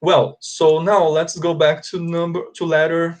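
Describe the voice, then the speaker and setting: A man with a Brazilian Portuguese accent teaches English in an online class, his voice sitting a little high. He explains patiently, says the forms over and over, and checks in with his students. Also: level tone, slow.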